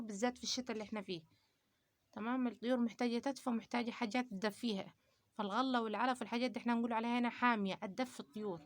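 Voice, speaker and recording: A woman with an Upper Egyptian Arabic accent talks very fast in a casual home vlog. She speaks to her viewers directly and chats as she gives advice. Her pitch sits in an ordinary middle range, and she fills her talk with pious phrases. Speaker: poultry-keeping channel host. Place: family home with poultry.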